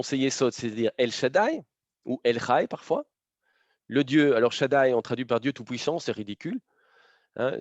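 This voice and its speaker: A man lectures an audience in a dry, close-sounding space with a slightly dull, lo-fi tone. His voice sits at a middle pitch. He walks through his points step by step, checking in with quick tags. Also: a little mellow, no room sound. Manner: explanatory, punctuated by frequent tag questions.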